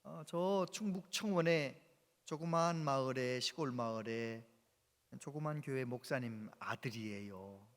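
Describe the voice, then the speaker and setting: A man preaches in a sanctuary, telling his story with lively exclamations. His voice sits high. The sound carries a long, reverberant church-hall tail. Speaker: pastor. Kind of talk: sermon storytelling.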